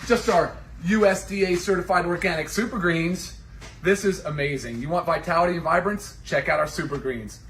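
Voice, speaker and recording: A man's voice: a little high, moderate pace, fairly bright tone. A man casually promoting products as their formulator, upbeat and emphatic in his praise. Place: indoor warehouse. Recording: echoey, noisy room, distant mic.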